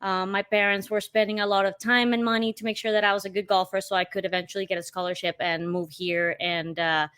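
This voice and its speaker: Woman, thirties, from Colombia, podcast guest, casual emphatic chat, mid-pitched voice. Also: little pitch movement, fast, hardly any pauses, a bit bright, smooth. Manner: chatty and emphatic, with frequent "you know".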